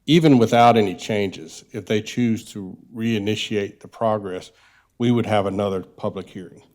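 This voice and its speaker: A man on county staff explaining public hearing procedure to a council in a measured way. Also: fairly low pitch, a little mellow.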